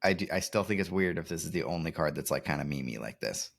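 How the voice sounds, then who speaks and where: A man's voice: extremely low pitch, animated, fast talker, gravelly. A young man co-hosting a casual card game podcast, laughing often and hedging his opinions. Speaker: podcast co-host. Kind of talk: casual chat.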